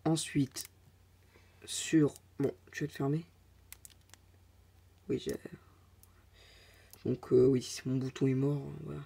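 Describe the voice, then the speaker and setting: A man's voice: medium pitch, flat delivery, takes it slowly, gravelly, pauses often, warm tone, husky. A man narrating a casual tech tutorial, talking hesitantly with many filler sounds and chatty asides.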